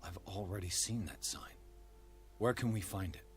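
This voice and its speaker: A sarcastic weary investigator. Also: male voice, deep voice, expressive, moderate pace. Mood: dry. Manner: terse, dry, sarcastic. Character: world-weary male investigator, dry and sarcastic. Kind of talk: video game voice acting. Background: game music.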